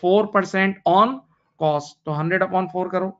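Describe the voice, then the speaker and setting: A man's voice: high voice, measured pace, muffled recording. A man in his thirties with an Indian English accent, teaching accounting in a recorded online lecture and repeating key points patiently to his students. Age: 30s. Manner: repeats key points, addresses students as beta, mixes English terms into Hindi.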